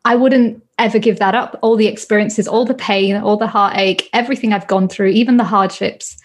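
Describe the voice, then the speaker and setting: A woman's voice: mid-range voice, steady tone, a little fast, breathy edge. A British woman in her thirties, a guest and healing coach, talking earnestly in a casual interview and repeating her points with emphasis. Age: 30s. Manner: earnest, emphatic, repeats phrases, laughs often.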